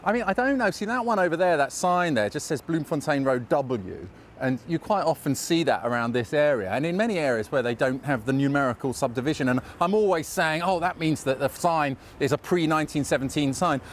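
Chatty London tour guide, lively voice. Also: male voice, on the high side, brisk. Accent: London English. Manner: chatty, rambling, self-mocking asides. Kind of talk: casual walking-tour chat. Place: outdoors on city streets. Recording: faint street noise outdoors.

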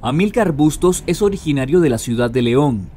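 Mellow-voiced male news narrator. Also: fairly high pitch, expressive, a little hiss or hum. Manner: measured and informative. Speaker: reporter. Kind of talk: scripted narration.

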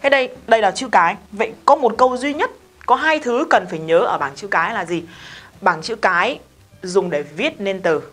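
Woman teaching english, chatty and emphatic, keeps asking the class stuff, bit of soft music behind. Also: mid-range voice, expressive, moderate pace. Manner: chatty, emphatic, talks straight to students with questions. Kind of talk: casual spoken lesson.

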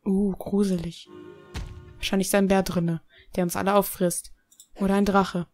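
A woman's voice: medium pitch, flat delivery, normal speed, darkish tone, soft background music. A young woman chatting her way through a horse-riding video game, reading quest text aloud and grumbling when she gets lost. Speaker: Let's Play gamer. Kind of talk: casual gameplay commentary.

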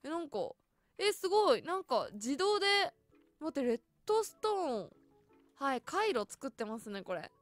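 High-voiced woman gushing over game builds. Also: very animated, moderate pace, no room sound, soft background music. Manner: chatty, exclaims often in delight. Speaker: voice actress touring a game world. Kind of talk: casual gameplay commentary.

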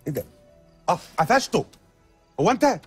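A wisecracking Egyptian friend with a husky voice that swings up and down. He fires off sarcastic lines very fast. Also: high voice, very animated, no echo, soft background music, exaggerated voice. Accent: Egyptian Arabic. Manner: dry sarcastic quips. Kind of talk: TV sitcom acting.

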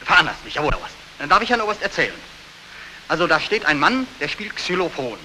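A young soldier back from war, haunted and sleepless. His high voice is sharply forceful and swings widely, with feverish intensity and military deference. It is 1940s film acting on a soundtrack with faint hiss. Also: sing-song, quick pace, exaggerated voice, poor audio. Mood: haunted, strained. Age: young adult.

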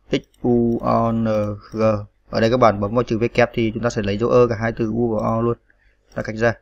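A man walks through typing one key at a time, patient and unhurried, with plenty of fillers. His voice stays level and flat. The recording sounds dull and lo-fi, with keyboard clicks behind him. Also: mid-range voice, gravelly. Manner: patient, spells out each key, many fillers. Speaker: computer tutorial instructor. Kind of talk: step-by-step screen tutorial.

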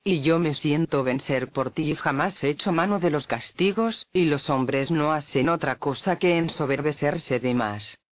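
A man's voice: on the high side, measured pace, few pauses, no echo, lightly acted. A man reading the words of a grave, sorrowful Christ in a devotional book reading. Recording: dull lo-fi dry recording.

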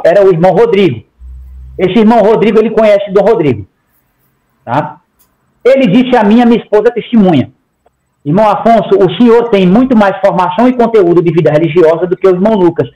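Dull audio from a video-call headset carries the high-sitting, warm voice of a man in his forties. He's a guest being interviewed from his home room, talking emphatically in long runs, gesturing a lot, and frequently adding "tá?".

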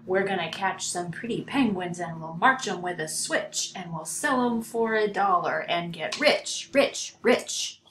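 A woman voicing rough, greedy animal hunters from a storybook with a growly chant. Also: sits low, lively intonation, drawn-out words, pushed and bright, heavily acted. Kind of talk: storybook character voice. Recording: roomy home recording, some hiss.

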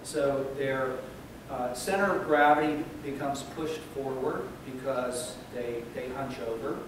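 A male university lecturer explaining to students, checking in with "okay?" and pausing on fillers. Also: medium pitch. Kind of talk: recorded classroom lecture. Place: lecture room. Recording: echoey room, distant mic, noisy.

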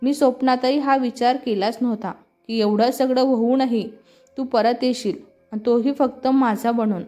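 An emotional, affectionate young woman from a family story, as a woman narrator reads her, fairly high in pitch. Quiet music runs under a slightly dull sound. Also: steady tone, normal speed, close to an everyday voice. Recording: slightly muffled with soft music.

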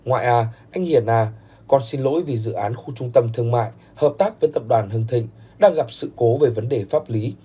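A man's voice: mid-range voice, moderate pace, dark tone, husky. A man voicing a remorseful young grandson who pleads tearfully in a storybook recap. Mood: pleading.

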